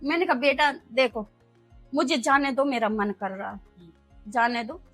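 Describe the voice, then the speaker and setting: Woman, middle-aged, street food vendor, earnest storytelling, high-pitched, faint background music. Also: unhurried, a bit bright, no room sound, rough recording. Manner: earnest storytelling, acts out dialogue. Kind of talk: emotional personal interview.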